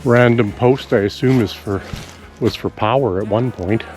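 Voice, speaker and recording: A man vlogging outdoors on a country walk, musing aloud in a relaxed, rambling way with pauses as he thinks. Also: medium pitch, soft background music. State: out of breath after a steep climb.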